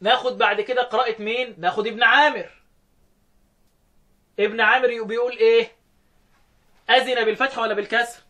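Steady yet sharp, this man's very high voice carries an Egyptian Arabic accent as he teaches the Quran's variant readings by call and response. He puts questions to his student, repeats each answer back, and works through phrases slowly.

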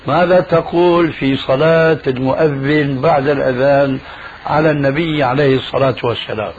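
A man's voice: medium pitch, steady tone, a little fast, background noise. A man answering a caller on a radio show as a religious scholar, pressing with argumentative rhetorical questions. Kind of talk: call-in radio Q&A. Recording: muffled lo-fi radio recording.

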